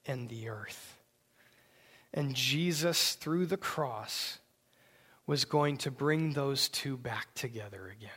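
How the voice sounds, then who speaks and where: A male pastor delivers a sermon at an unhurried, drawn-out pace. His voice sits at an ordinary middle pitch, swelling with emphasis and then falling to hushed, breathy asides. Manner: slow, emphatic preaching with hushed whispered asides.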